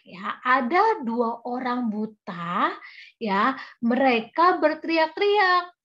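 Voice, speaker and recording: Bright, high-voiced Indonesian woman storyteller. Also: expressive, unhurried, dull audio. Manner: sing-song, coaxing, addresses children often. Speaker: Sunday school storyteller. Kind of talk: storytelling to small children.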